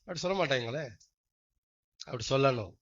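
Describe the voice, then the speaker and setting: A man preaching a sermon, dropping to quiet asides and then rising to loud, stressed lines, often checking that listeners follow. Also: expressive, brisk. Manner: emphatic, swings from low asides to loud stressed phrases; questions the congregation often. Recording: dull lo-fi recording.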